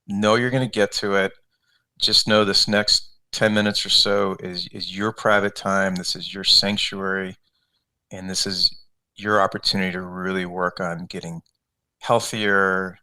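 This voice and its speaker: A deep-voiced man coaches a guided meditation, offering unscripted, conversational instructions one step at a time with gentle repetition.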